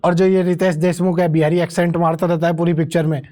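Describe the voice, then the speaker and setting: High-voiced sarcastic young man ranting. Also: level tone, fast talker, darkish tone. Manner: sarcastic, incredulous, rambling. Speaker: movie reviewer. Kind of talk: comedic movie review rant.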